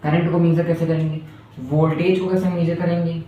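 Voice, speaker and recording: A man's voice: fairly high pitch, level tone, fairly quick, muffled recording. Man lecturing physics in an echoey room. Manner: repeats phrases, asks rhetorical questions. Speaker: physics teacher. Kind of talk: classroom lecture. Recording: echoey distant room mic with faint noise.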